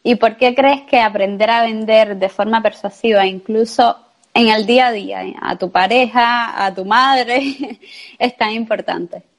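A woman's voice: on the high side, a little slow. A woman in her forties hosts a podcast interview and talks in a candid, conversational way. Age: 40s. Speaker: podcast host.

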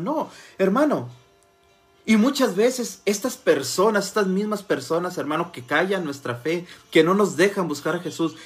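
Fervent male preacher over faint music. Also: fairly high pitch. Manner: swings from soft murmurs to loud fervent cries, addresses listeners as brothers. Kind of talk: sermon.

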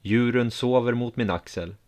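A man calmly reading a first-person story aloud in an even, measured way. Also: mid-range voice. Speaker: narrator.

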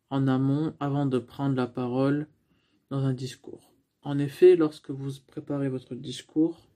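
A man's voice: medium pitch, mellow. A man teaching about using the voice in communication, explaining step by step with frequent restarts and fillers. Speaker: speaking coach. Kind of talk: instructional talk on voice.

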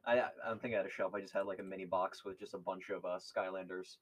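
A young man co-hosts a podcast, speaking in a low-pitched, level tone. In casual chat, he tells stories quickly and chattily, with a nostalgic feel.

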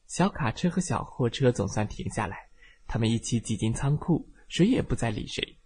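Lively male bedtime storyteller. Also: medium pitch, moderate pace, slight background noise. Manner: warm, lively and expressive for children. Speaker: children's storyteller.

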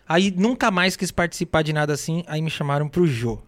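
A man's voice: a little high, a little fast. A man with a Brazilian Portuguese accent, a guest telling casual stories full of street slang. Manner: animated storyteller with street slang. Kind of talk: casual storytelling interview.

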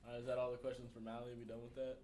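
A man's voice: mid-range voice, completely flat delivery, racing, dark tone, slight background noise. A teenage boy who leads the chat, asking questions and teasing his friends. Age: teens. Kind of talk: casual chat.

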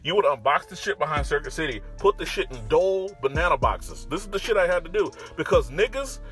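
A man's voice: on the high side, lively intonation, fairly quick, a bit bright, faint music behind. A man with an American accent and a slight lisp, ranting casually in a blunt, profane, conversational way. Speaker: online commentator. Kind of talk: casual opinionated rant.

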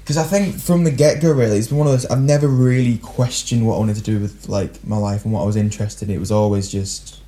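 A young man, a musician guest, telling stories in a rambling, animated way with frequent laughs. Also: lowish voice, fast, few pauses. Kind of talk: casual storytelling chat.

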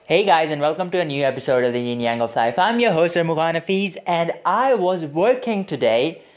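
A man's voice: fairly high pitch, lively intonation, fairly quick. A young man from Pakistan hosting a casual motivational podcast, chatting in a rambling way with many fillers and restarts. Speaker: podcast host.

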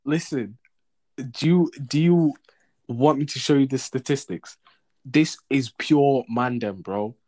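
A young man speaks in a London roadman accent with a medium-pitched voice. He banters casually in thick slang, often repeating himself as he protests. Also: slow pace, dark tone. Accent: London, urban roadman slang style. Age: young adult.

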